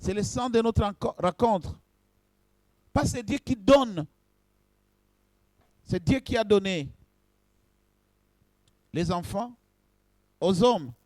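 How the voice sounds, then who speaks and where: A man's voice: high-pitched, lively intonation, slow pace, long pauses, a little mellow, no room sound. A man, a pastor, preaching a sermon in short phrases and addressing his congregation directly.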